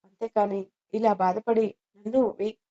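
A woman's voice: medium pitch, steady tone, normal speed, dark tone, close to an everyday voice. A woman voicing a playful, tender young newlywed husband, coaxing and pleading in a storybook reading, on dull lo-fi audio.

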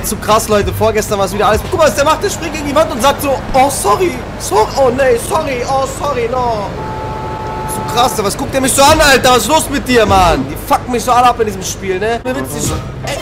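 A young man with a very high voice does gaming commentary, swinging widely in pitch as he rants. He is exasperated and swears freely in street slang. Game music plays behind his close-miked voice. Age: 20s. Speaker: let's play gamer. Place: small indoor room at home. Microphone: large microphone close to the mouth, headset. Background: game music and sound.

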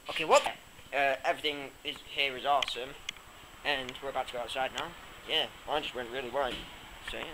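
A man's voice: medium pitch, fairly even intonation, fairly quick. A young man chatting casually to a handheld camera on holiday, like a vlogger updating his viewers. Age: teenager to young adult. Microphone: handheld camera at arm's length. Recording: noisy handheld camera audio with heavy background noise.

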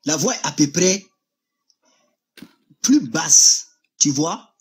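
A man's voice: on the high side, lively intonation, takes it slowly, husky. A man, insistently describing a voice he heard during a heated debate over a video call. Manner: insistent, describes with gestures on camera.

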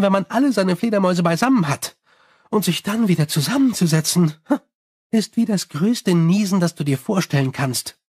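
A sly young vampire woman, as a male audiobook reader puts her on chatters in a raised, playful voice with a husky grain. She mocks and teases in a storybook manner. The sound is close and dry. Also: high-pitched, darkish tone, dry recording, pitched above the performer's own voice, full character voice. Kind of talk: audiobook character voice.

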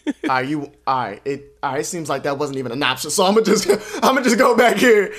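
A man voicing an entitled, cheeky cartoon fish customer in a comic skit, wheedling in repetitive, drawn-out sing-song. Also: a little high, animated, a bit bright. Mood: evasive, giddy.

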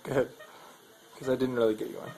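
A man's voice: medium pitch, flat delivery, fairly quick, dark tone. A man chatting casually and teasingly as he keeps a patient company, recorded on a handheld phone. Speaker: husband accompanying a patient. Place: small dental treatment room, indoors. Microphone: handheld phone, behind the camera.

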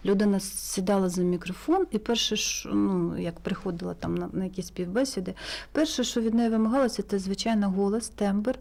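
A woman with a Ukrainian accent, a sound engineer chatting as a studio guest, telling stories with many pauses and fillers. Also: mid-range voice, vocal fry. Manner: relaxed, storytelling, many hesitations. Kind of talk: casual studio interview.

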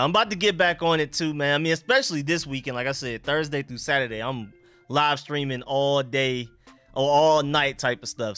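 Speaking at medium pitch with a fairly bright, clear and resonant tone, a young man runs a casual sports livestream. His talk is slangy and informal, full of repeated greetings and catchphrases for viewers, and a dental retainer slightly affects his speech in the dry recording.

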